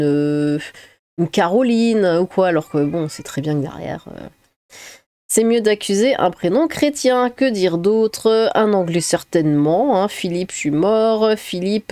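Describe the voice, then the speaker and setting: A woman's voice: on the low side, warm tone, dry recording. A woman streamer reading viewer comments aloud in a casual, offhand way, with loose asides between them. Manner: reads chat messages aloud with offhand asides.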